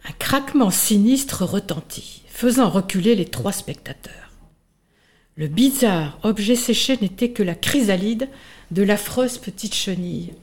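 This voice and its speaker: A woman co-hosting a children's show, narrating a story in a lively, animated way. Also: mid-range voice, measured pace.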